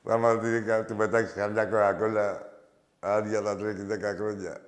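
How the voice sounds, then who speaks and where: Brash low-voiced man hosting a call-in show. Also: little pitch movement, echoey room. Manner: brash, crude, mocking callers; loud teasing with frequent laughs. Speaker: radio call-in show host. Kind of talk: casual call-in banter.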